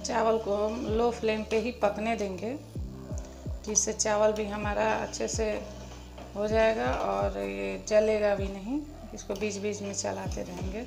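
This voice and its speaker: A woman hosting a cooking channel, talking viewers calmly through a recipe step by step in a voice-over. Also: mid-range voice, a little slow, gravelly. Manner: calm step-by-step explaining, addresses viewers as friends. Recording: echoey room with music behind.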